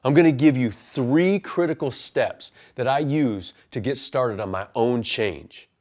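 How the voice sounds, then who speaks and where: A man in his forties with a mid-range, darkish voice speaks at a measured pace. As a life coach and pastor, he gives an earnest personal testimony followed by punchy motivational advice.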